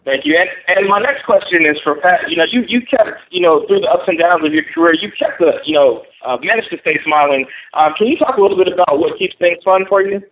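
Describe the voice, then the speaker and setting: Male reporter, quick and slightly high, putting questions over a tinny phone line. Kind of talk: asking questions on conference call. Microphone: telephone.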